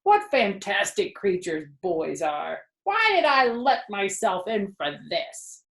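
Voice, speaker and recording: A woman's voice: mid-range voice, sing-song, slow pace, a bit bright, heavily acted. A woman voicing a disdainful male farm rat who grumbles scornfully in a children's storybook. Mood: disgusted. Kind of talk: children's storybook read-aloud. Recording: roomy echo.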